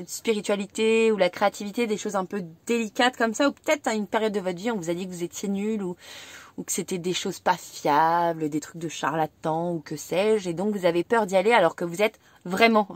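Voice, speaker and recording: Tarot reader, a French woman, gentle and reassuring, medium voice, dry recording. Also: medium pitch, dry recording. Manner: gentle, reassuring, repeats herself. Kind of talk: tarot reading video.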